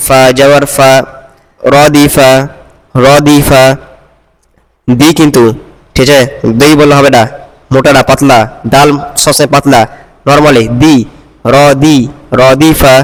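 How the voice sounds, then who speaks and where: A man teaching Quran reading to a student, patiently correcting and repeating syllables slowly. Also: medium pitch, in a large hall, rough recording. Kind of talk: one-on-one reading lesson.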